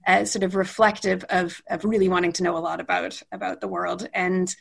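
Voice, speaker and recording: A middle-aged woman from Western Canada, a guest in an unscripted interview, speaks fairly quickly with a flat delivery. Her fairly low voice is creaky and slightly rough. She meanders thoughtfully and keeps revising what she says.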